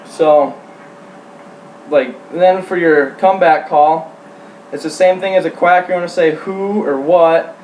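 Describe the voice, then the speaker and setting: Halting man in a roomy, distant recording. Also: on the high side, darkish tone. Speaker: duck hunting instructor. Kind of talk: informal how-to demonstration. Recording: roomy, distant mic, faint hum.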